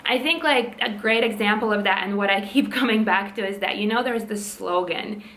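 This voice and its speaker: Young woman, casual vlogger, bright voice, fervent and chatty. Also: mid-range voice. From Latvia. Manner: impassioned, rapid with many fillers. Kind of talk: casual opinion vlog.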